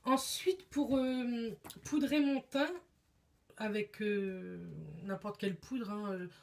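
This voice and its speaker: A woman's voice: on the high side, steady tone, slow pace, darkish tone. A young woman talking casually as a beauty vlogger, chatty and hesitant, with many fillers and restarts. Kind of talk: casual chat.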